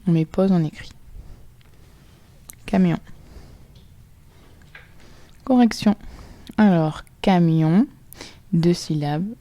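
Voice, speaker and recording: A woman with a French accent teaching a recorded phonics lesson to children, spelling sounds out slowly and clearly letter by letter. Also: lowish voice, dark tone, dry recording, dull audio.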